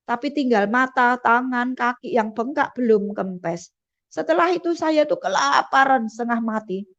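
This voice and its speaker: A woman's voice: fairly high pitch, lively intonation, moderate pace, a bit bright. A woman giving an earnest personal testimony, repeating phrases for emphasis. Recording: dull lo-fi recording.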